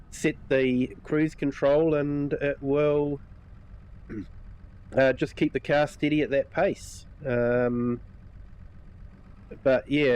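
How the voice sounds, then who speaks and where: A man with a New Zealand accent and a mid-range voice gives casual commentary on a game live stream, slightly stuffed up in the nose. His chat is relaxed and rambling, full of fillers.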